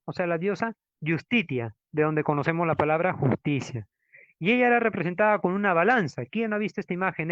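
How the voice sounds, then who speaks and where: A man lectures on law in a teacherly way, dropping tag questions and slowing down to stress Latin terms. His voice sits fairly high. The recording is dull and dry, like a lo-fi classroom capture. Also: no echo. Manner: didactic, frequent tag questions, stresses Latin words slowly. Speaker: law professor. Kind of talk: lecture with slides.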